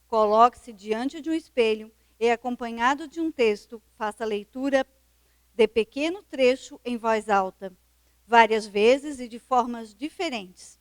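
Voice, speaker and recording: A woman's voice: on the high side, a little slow, no room sound. A woman reading a short instructional text aloud at a seminar. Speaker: volunteer reader at a seminar.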